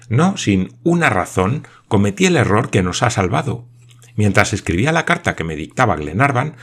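A man voicing an excitable, talkative male geographer in an audiobook, speaking eagerly and with emphasis. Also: on the low side, husky, full character voice.

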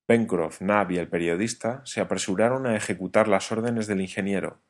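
A man narrating a novel as an audiobook, in a measured storytelling reading. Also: lowish voice, steady tone.

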